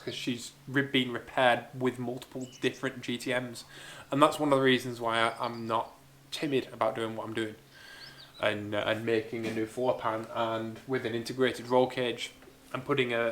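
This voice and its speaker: A man's voice: medium pitch, a bit bright, slight background noise. A man who grew up in Spain, chatting enthusiastically as he answers viewer questions in a casual Q&A vlog about building a car. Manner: chatty, enthusiastic, thinking aloud. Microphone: small camera-mounted mic.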